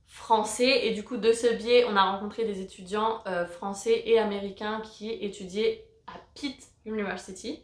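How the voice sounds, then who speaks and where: A woman's voice: mid-range voice, fairly bright tone, echoey room. A young woman from France in her twenties telling her story in a chatty, slangy vlog with lots of fillers. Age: 20s. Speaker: vlogger.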